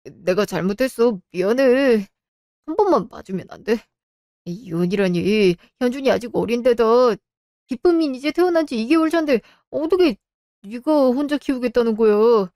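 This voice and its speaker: A woman's voice: a little high, lively intonation, moderate pace, warm tone, no room sound, clean studio sound. A woman voicing a cheating husband who makes excuses and begs, in a radio drama. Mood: pleading. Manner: wheedling, excuses. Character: cheating husband, evasive and pleading.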